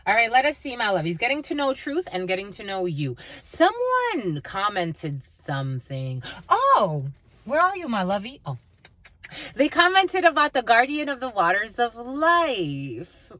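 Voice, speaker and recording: In an unhurried, sing-song voice on the high side, pushed and bright, a tarot and energy reader from the US Northeast gives a casual live reading. She rambles, uses plenty of fillers and chats affectionately with viewers, and the recording is dry.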